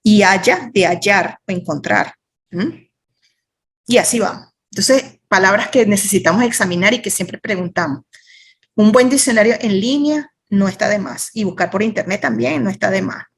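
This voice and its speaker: A woman's voice: mid-range voice, normal speed, breathy edge. A woman with a Venezuelan accent teaching a writing workshop over a video call, chatty and playful, with asides to her students.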